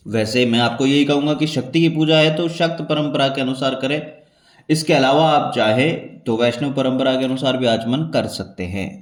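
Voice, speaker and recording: A man calmly explaining the steps of a devotional ritual as a spiritual teacher, measured and repeating key points for emphasis. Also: medium pitch. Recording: echoey room.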